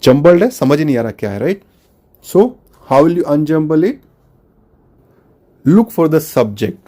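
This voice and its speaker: A man's voice: on the high side, big pitch swings, takes it slowly, mellow. A man with an Indian accent teaching a school class, spelling words out letter by letter and switching between Hindi and English. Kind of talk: online class lesson.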